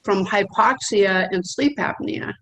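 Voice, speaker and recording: A woman's voice: mid-range voice, measured pace, crowd noise, poor audio. A woman asking questions and reasoning things through in a casual video call discussion.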